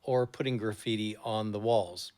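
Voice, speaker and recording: A man's voice: lowish voice, moderate pace, darkish tone, smooth. A man co-hosting a podcast, reading odd crime news stories aloud and laughing often. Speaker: podcast co-host.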